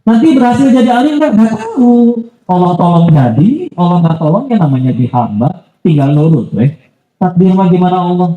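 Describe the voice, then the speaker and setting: A man's voice: high voice, expressive, normal speed, warm tone, roomy sound, poor audio. A man giving a casual, conversational sermon as a preacher, full of asides and polite apologies. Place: mosque.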